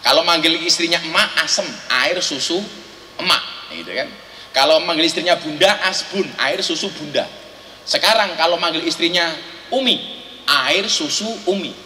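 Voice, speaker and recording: High bright Javanese-accented joking preacher. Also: male voice, moderate pace, slight background noise. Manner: joking, teasing, rhetorical questions. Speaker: Islamic preacher. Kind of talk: humorous sermon. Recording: echoey hall, faint ambience.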